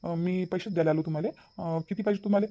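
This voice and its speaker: Brief: a man as generous young village nephew in a cartoon; warm-toned, rapid, reassuring. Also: high-pitched, fairly even intonation, dull audio. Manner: reassuring, earnest. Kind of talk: cartoon voice acting.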